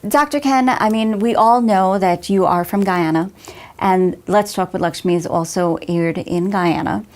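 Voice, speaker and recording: A woman's voice: mid-range voice, unhurried, darkish tone. A woman hosting a TV interview show, asking questions and heaping praise on her guest. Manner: effusive, complimentary. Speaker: TV show host.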